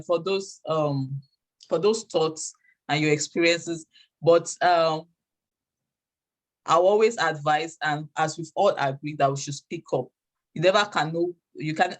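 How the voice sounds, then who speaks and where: A woman with a Nigerian accent, informally moderating questions in a hesitant, halting way. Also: low-pitched, rough recording. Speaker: moderator of an online business meeting.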